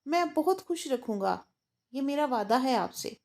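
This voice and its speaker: A woman's voice: high-pitched, animated, measured pace, vocal fry, darkish tone, heavily acted. Woman voicing a pleading young husband. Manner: earnest, coaxing. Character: young man, a devoted, pleading new husband.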